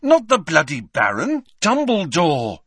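A man's voice: on the high side, huge pitch swings, a little slow, fairly bright tone, slightly rough, dry recording, voice pushed up, heavily acted. A man voicing an eager, earnest teenage schoolboy wizard who talks urgently.

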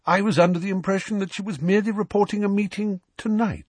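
A man voicing a calm, wise old headmaster with a mild, gently ironic way of speaking. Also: high voice, fast, breathy edge, no echo, voice pushed up.

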